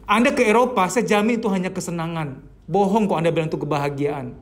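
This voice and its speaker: A man's voice: high-pitched, quick pace. A man giving a casual psychology lecture as a therapist, acting out the inner voices of his clients.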